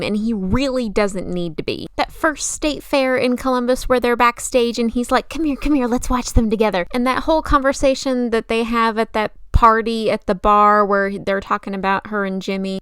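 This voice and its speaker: Gushing woman with a clear, dry-recorded voice. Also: fairly high pitch, normal speed, hardly any pauses, a bit bright, dry recording. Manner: gushing, emphatic, casually opinionated. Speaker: video essayist and film commentator. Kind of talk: enthusiastic film commentary, conversational.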